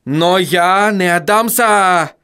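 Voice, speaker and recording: Guy doing a shaky vampire, high and slow, warbling like he's barely holding on, audiobook. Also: fairly bright tone, clean tone. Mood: defiant. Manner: quavering, slow sing-song. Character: trembling vampire man singing a temperance hymn.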